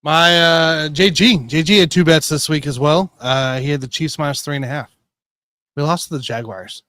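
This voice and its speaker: A man hosting a casual sports betting show, rambling and correcting himself as he tells excitable stories. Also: fairly high pitch, normal speed, no echo, studio quality. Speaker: podcast host.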